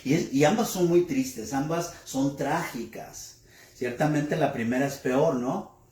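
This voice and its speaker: A male pastor delivering a sermon, speaking deliberately, asking rhetorical questions and repeating key words for emphasis. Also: on the high side, a little mellow, echoey room. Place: church.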